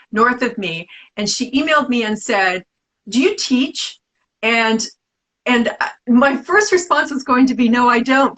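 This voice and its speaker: A woman's voice: on the high side, fairly bright tone, husky, poor audio. A middle-aged woman artist from the Bay Area, talking casually and at length in an interview, with many restarts and fillers. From San Francisco Bay Area. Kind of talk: casual interview over a live video stream.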